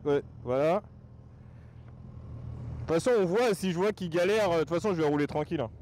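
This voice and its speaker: A man's voice: a little high, moderate pace, a little mellow. A man chatting casually and joking while riding a motorcycle, talking inside his helmet through a helmet-mounted mic. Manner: laid-back, swearing, joking. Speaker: motorcycle vlogger. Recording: heavy road and wind noise.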